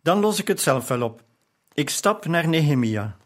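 A proud young woman scribe from an audiobook, bitter and defiant, her voice lifted noticeably higher and a touch louder than the reader's own, as a male narrator puts her on. She sounds stubborn and hurt. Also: big pitch swings, moderate pace. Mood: indignant.

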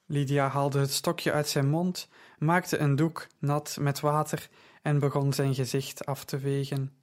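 A man narrating a story in a measured, even style. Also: fairly high pitch. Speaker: audiobook narrator. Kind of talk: scripted narration.

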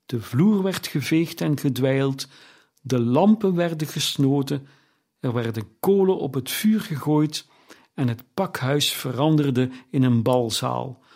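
A man reading a classic story aloud as narrator, in a slow and deliberate way. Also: mid-range voice, darkish tone. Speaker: audiobook narrator.

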